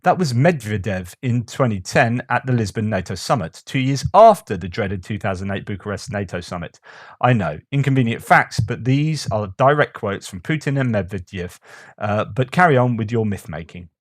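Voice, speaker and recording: A man's voice: lowish voice, expressive, moderate pace, dry recording, studio quality. A man giving casual commentary on war news, reading out quotes and asking rhetorical questions.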